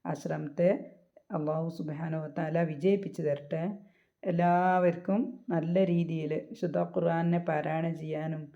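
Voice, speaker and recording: A woman's voice: low voice, little pitch movement, measured pace, muffled recording. A woman teaching how to pronounce Arabic letters for Quran recitation, patiently repeating points and checking with her listeners. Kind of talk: explanatory lesson.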